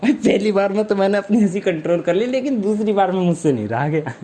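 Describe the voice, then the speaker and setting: A man's voice: high-pitched, animated, quick pace, dark tone. A male stand-up comedian telling a story in a casual, chatty, slangy way.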